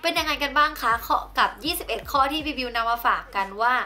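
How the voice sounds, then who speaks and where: A young woman vlogger chats casually through a numbered movie rundown, ending her sentences with polite particles. Her voice sits high and sounds bright and forceful, and she talks at a quick pace.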